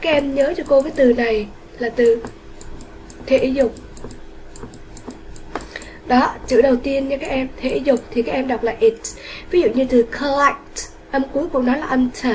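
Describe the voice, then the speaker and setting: A woman's voice: sits high, darkish tone, a little hiss or hum, poor audio. A woman teaching an online English lesson to children, patiently explaining step by step. Her native language is Vietnamese.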